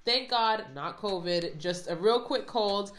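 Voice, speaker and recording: A woman hosting a motivational podcast, a little stuffy from a cold, talking casually and reading affirmations slowly and earnestly. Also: medium pitch, fairly bright tone, reverberant. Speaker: podcast host.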